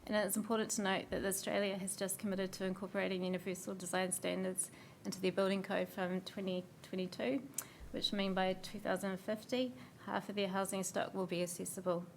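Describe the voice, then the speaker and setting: Hoarse New woman, gravelly and even-toned, presenting a formal council submission. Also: mid-range voice, a little hiss or hum. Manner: steady, measured reading with small slips and fillers. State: hoarse, losing her voice.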